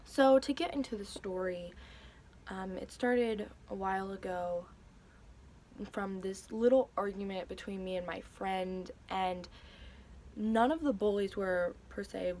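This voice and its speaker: A woman's voice: mid-range voice, fairly even intonation, unhurried, darkish tone, a little hiss or hum. A young woman telling a personal story in a vlog, hesitant and emotional, with many fillers and restarts. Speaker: vlogger.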